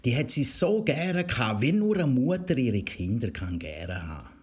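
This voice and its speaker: A man with a Swiss German accent narrating a fairy tale for children in a gentle storytelling manner. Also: mid-range voice, very animated, unhurried, husky.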